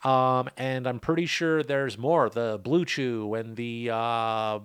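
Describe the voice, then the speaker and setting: This podcast host, a middle-aged cannabis grower, talks in a relaxed, meandering way and tosses in jokes as he goes. His medium-pitched voice is smooth, and the close-miked recording has no echo.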